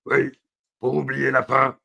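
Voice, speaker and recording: A man's voice: medium pitch, completely flat delivery, a little slow, gravelly, bright, forceful tone, lo-fi sound, full character voice. A man voicing a crude, joking old grandfather who cracks bawdy wisecracks.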